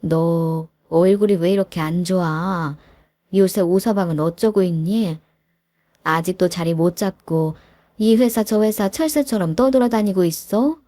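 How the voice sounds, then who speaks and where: A woman's voice: on the low side, measured pace, mellow, no echo, studio quality, natural voice. A woman voicing a blunt, worried middle-aged mother who scolds her son-in-law in a storybook reading. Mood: scolding. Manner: blunt, nagging questions.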